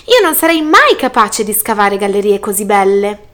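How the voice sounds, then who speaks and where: A woman voicing a small, eager, gentle male garden snail in a storybook reading, high and full of admiration. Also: big pitch swings, normal speed. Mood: admiring.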